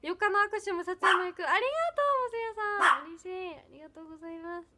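A woman's voice: extremely high pitch, quick pace, heavy background noise. A young woman, chatting casually on a livestream, giggly and chatty as she reads comments and thanks viewers. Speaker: idol livestreamer.

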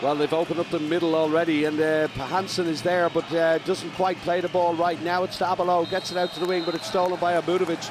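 A man giving live handball commentary in short, emphatic, excitable phrases. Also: on the high side, fairly quick, hardly any pauses, noisy background. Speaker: sports commentator. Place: large indoor sports arena with crowd.

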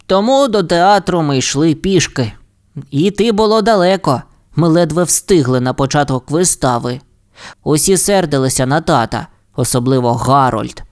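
A man narrating a children's audiobook story in an expressive, playful way. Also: fairly high pitch, moderate pace. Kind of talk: audiobook fairy tale narration.

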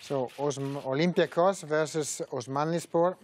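A middle-aged man hosting a live tournament draw, speaking haltingly with frequent pauses. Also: a little high, a little mellow, slight background noise. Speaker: draw host.

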